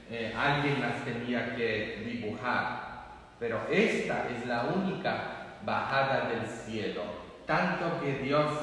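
Slow-spoken priest. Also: male voice, mid-range voice, fairly bright tone, slight background noise. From Poland. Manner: slow, chatty and humorous, many fillers. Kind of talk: conversational homily. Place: large empty church. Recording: echoey church hall from far off.

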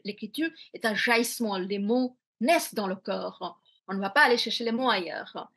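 Speaking from a small home room on a video call, this middle-aged author from India, a native Bengali speaker, reflects on interview questions with frequent fillers and false starts. Her medium-pitched voice is creaky, husky and fairly bright, moving at a moderate pace.

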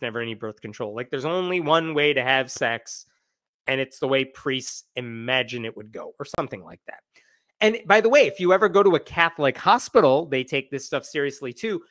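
A man in his forties hosting a casual commentary livestream from a small room, animated and sarcastic, gesturing as he talks. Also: a little high, no echo, clean studio sound. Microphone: wired earbuds with dangling mic and desk mic.

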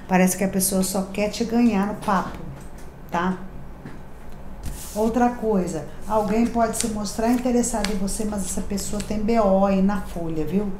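A Brazilian woman in her thirties with a Rio de Janeiro Portuguese accent hosts a channel as a tarot reader, giving a daily reading to camera. Her mid-range voice is warm and steady at a normal speed, chatty, affectionate and confiding, with emphatic repetitions. She's indoors in a decorated home room that sounds echoey, with a faint background hiss.

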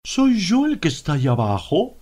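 Brief: detached, wondering gentleman in an audiobook, raised husky voice, Latin American Spanish accent, read by a man. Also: a little high, huge pitch swings, moderate pace, voice pushed up. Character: detached, curious man watching himself die, Stephens.

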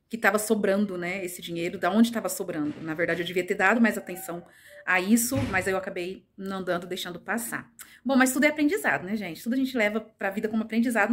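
A Brazilian woman with a Brazilian Portuguese accent, chatting casually to her phone camera as a vlogger, confiding, with many fillers and tag questions. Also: fairly high pitch.

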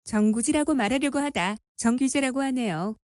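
A woman's voice: sits high, moderate pace, darkish tone, no echo, studio quality. A woman reading scripted voice-over commentary in a scornful, mocking tone. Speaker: commentary narrator.

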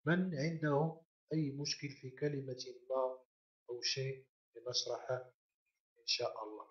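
A man's voice: mid-range voice, steady tone, moderate pace. A man teaching a class, patiently repeating and drilling sounds and quizzing his students. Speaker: language teacher. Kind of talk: classroom lesson. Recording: echoey room, dull lo-fi sound.

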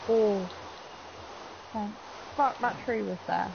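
A woman talks her way through a live game stream, cursing at the game between chatty asides. Her voice has a gravelly fry. The stream audio is dull and lo-fi, with a constant hiss of noise. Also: medium pitch, slow pace. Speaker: gaming streamer. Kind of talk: live gameplay commentary.

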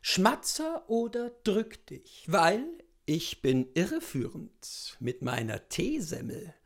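Surrounded by bookshelves indoors, a reader of literary texts gives a slow, sing-song recitation in a fairly low voice. She treats song lyrics as poetry, declaiming them with mock gravity and lingering over every word.

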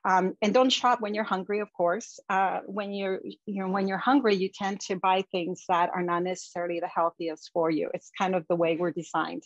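A woman's voice: fairly low pitch, fairly even intonation, moderate pace, few pauses, no echo. A woman presenting slides over a video call, giving practical tips in a conversational way with frequent ums. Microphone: video call webcam. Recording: dull, dry webcam audio.

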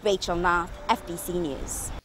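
A woman's voice: fairly low pitch, steady tone, a little slow, a bit bright, slight background noise, low-quality recording. A woman reading a scripted news report. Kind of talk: scripted narration.

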